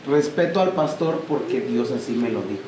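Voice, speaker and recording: A man giving an emphatic, animated church talk, speaking straight to his listeners. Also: mid-range voice, moderate pace. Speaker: preacher. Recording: echoey church room with noise.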